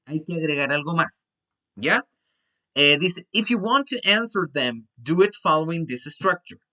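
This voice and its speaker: A man with a Chilean Spanish accent teaches an English class online, walking through each step patiently and often pausing to check that everyone follows. His voice is bright and a little high for a man. He drops into slow, careful English for the example sentences. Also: animated. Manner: patient, repeats "¿ya?" to check understanding; switches between Spanish and slowly spoken English.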